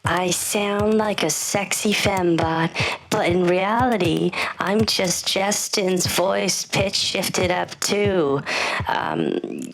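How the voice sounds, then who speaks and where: A man voicing a sexy female robot announcer, his voice pitch shifted up to sound like a woman, reading slow sign-off announcements. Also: expressive, creaky, fairly bright tone, heavily acted, low-quality recording. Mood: teasing.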